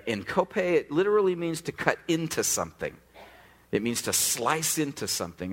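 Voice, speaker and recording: A middle-aged male pastor preaching with a lively, swinging pitch. He tells stories in a casual, animated way and slips into quick little voices for the people in them. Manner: animated storytelling, acts out quoted dialogue. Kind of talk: sermon.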